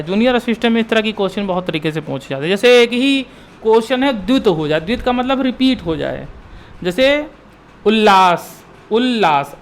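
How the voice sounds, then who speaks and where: A young man teaching an exam-prep Hindi lesson, asking questions and answering them himself, repeating key terms to drill them. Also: high voice.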